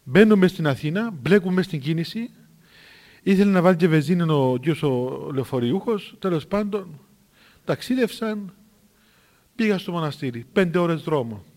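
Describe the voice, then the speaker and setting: Male preacher with a high voice, lively storyteller who acts out every line of dialogue. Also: long reverb tail. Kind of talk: storytelling sermon.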